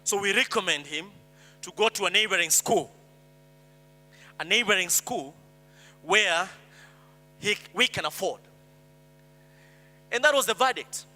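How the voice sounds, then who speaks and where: A man's voice: high voice, animated, a little slow, pauses often, sharp tone, soft background music. A Kenyan man giving a speech as an earnest personal story, acting out the voices of people he quotes. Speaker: speaker. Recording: hall reverb, mains hum.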